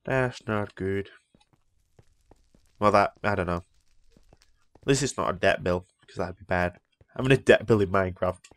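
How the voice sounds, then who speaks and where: An ill man rambles through casual Minecraft let's-play commentary, easily impressed by what he sees. His voice sits low, at a moderate pace with long pauses, and there's no room sound.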